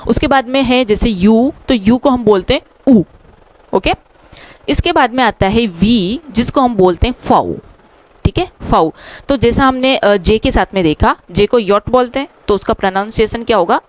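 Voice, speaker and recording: A woman with an Indian accent teaches the alphabet letter by letter, patiently repeating each sound. Her voice sits a little high. It is recorded close and dry, with no room sound. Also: dry recording. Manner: patient, repeats each answer with "thik hai". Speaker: language teacher.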